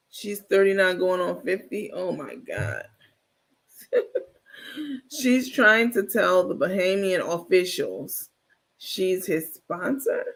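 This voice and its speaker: High, gravelly-voiced man chatting live. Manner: animated, talkative, blunt, laughs often. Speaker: livestream host. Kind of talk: casual live gossip commentary, reacting to viewer chat.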